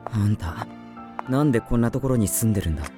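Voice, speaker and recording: A woman voicing a gruff, blunt young male demon who has been wounded, in a voice drama. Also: a bass voice, animated, fast talker, over music. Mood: guarded. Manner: blunt, rough-spoken. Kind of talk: voice drama acting.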